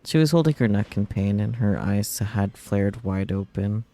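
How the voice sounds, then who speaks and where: Reading visual novel text aloud at a normal pace, this man has a fairly low, dark-toned voice and tosses in dry, casual asides as he streams. There's no echo, just video game music underneath.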